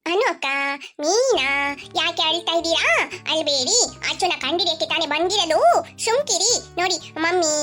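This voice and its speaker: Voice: very high voice, pushed and bright, full character voice. A performer voicing an upbeat cartoon girl comforting her crying sisters in a forest. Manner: encouraging, chirpy. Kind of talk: cartoon voice acting. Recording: music playing behind.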